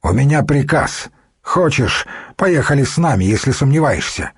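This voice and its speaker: A man's voice: medium pitch, expressive, moderate pace, husky, no room sound, clean studio sound, voice pushed up. A man voicing a haughty palace official who gives curt commands in an audiobook.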